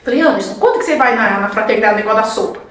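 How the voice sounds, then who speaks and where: A middle-aged woman, a guest telling her faith testimony in a lively way and acting out what people said. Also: on the high side, very fast. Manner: lively storyteller acting out quoted dialogue. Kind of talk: testimony in a podcast conversation. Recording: very echoey room, mic far off.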